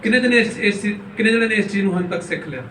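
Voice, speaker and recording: A man's voice: high-pitched, rapid-fire, slight background noise. A male pastor preaching a sermon, calling out for the congregation to answer with hallelujah and firing questions at them. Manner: call-and-response, keeps urging the congregation to say hallelujah louder; preaches with questions to the crowd and acted-out examples. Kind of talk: Pentecostal sermon. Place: large church hall. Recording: echoey church hall, mic at a distance.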